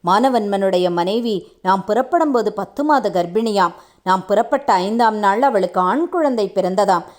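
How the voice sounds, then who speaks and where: Woman voicing a proud male king, stern, measured, reproachful, storybook reading, mid-pitched voice. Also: lively intonation, lightly acted. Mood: commanding.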